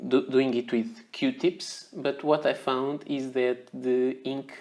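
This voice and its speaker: A man with a Portuguese accent, Portuguese his first language, talks at a very slow, measured pace. He walks through a hands-on demonstration casually, pausing and repeating words as he works. His voice sits at an ordinary middle pitch. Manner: unhurried, hesitant, repeats words while working. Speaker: fountain pen ink reviewer.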